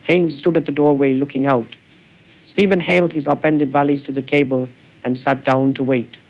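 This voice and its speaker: A cloned synthetic man's voice reading literary prose in a measured, brooding way, heard through a narrow phone-like band. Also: medium pitch.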